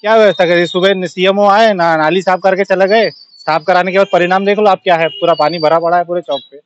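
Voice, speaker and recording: An indignant male shopkeeper speaks in an emphatic street interview, his voice high for a man. The sound is somewhat dull and lo-fi. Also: fairly even intonation, fairly quick, a little hiss or hum.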